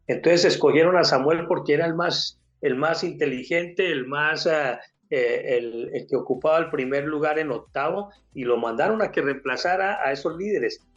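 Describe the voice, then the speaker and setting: A man's voice: a little high, a bit bright, muffled recording. An older man with a Colombian accent, giving an emotional personal faith testimony and acting out the people in his story.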